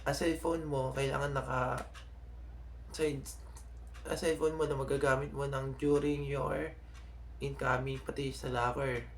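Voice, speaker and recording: A young Filipino man vlogging to his subscribers in a casual, halting way, often stopping to restart and correct himself. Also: mid-range voice, level tone, slight background noise. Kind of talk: casual vlog talk to subscribers.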